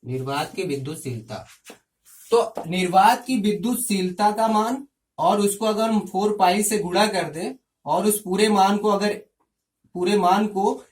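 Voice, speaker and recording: A man teaching a physics lesson step by step, often pausing to check in with his students. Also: high-pitched, far from the mic. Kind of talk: classroom lecture.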